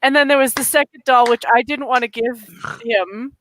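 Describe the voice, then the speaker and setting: A young woman from Alberta, Canada, hosts a casual podcast chat with a stuffy nose, rambling along with fillers and giggles. Her voice is fairly high, bright and fairly even at normal speed, on a low-quality recording with slight hiss or hum.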